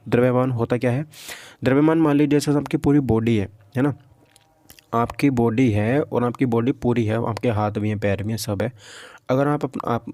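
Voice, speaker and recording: Clean studio sound with no room sound captures a man whose mid-range voice is a little mellow. He's giving an informal physics lecture for exam preparation, reading questions, explaining them, frequently repeating himself, and making sure listeners follow.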